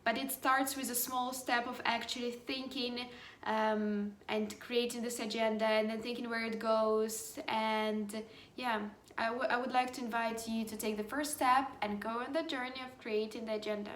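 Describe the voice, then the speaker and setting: Host: woman, British accent, encouraging coach, slightly high voice, roomy echo. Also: flat delivery, moderate pace, a bit bright, slight background noise. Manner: upbeat, encouraging, many "like" fillers. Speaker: life coaching program host. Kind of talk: motivational vlog talk to followers. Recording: echoey room.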